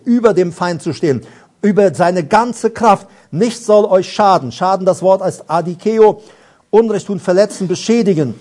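A man preaching a charismatic sermon in a rather high voice. He shifts from calm, quiet teaching to loud, fervent proclamation, breaking into long stretches of speaking in tongues. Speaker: pastor.

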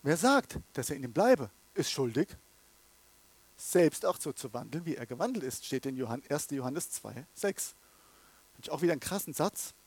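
A man preaching a sermon, animated, acting out inner voices and swinging between soft, low passages and loud outbursts. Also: normal speed, breathy edge.

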